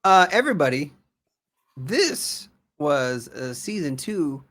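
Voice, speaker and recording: A man's voice: medium pitch, expressive, normal speed, a bit bright. A man co-hosting a casual gaming podcast, rambling and profane, who repeats himself as he reads off the show's plugs. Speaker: podcast co-host.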